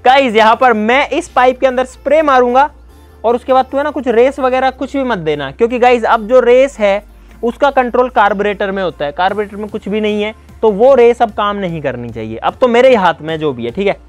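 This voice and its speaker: A man's voice: extremely high pitch, animated, a little fast, no echo, faint music behind. A man talking casually to viewers while he demonstrates a bike trick, calling out repeated urgent commands to a helper. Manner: chatty, addresses viewers as brother and guys, repeats urgent commands. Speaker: vlogger. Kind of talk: casual hands-on demo vlog.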